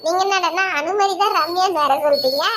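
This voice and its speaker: A woman voicing a lively, teasing young married village woman in a cartoon, chatty and playful. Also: very high voice, brisk.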